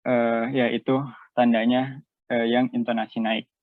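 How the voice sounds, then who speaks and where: Reading from his notes and explaining them, this young Indonesian-accented student presenter hesitates often, uses many fillers, and switches between two languages. His medium-pitched delivery is flat and unhurried. There's no room sound, and the audio comes through tinny and dry like a phone call.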